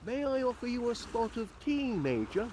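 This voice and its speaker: An actor voicing a cheery, polite middle-aged inventor with a northern English accent in a video game, chirpy and genteel. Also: male voice, extremely high pitch, very animated, normal speed, a little mellow, slight background noise. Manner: chirpy, genteel, eager to please. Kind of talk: video game character acting.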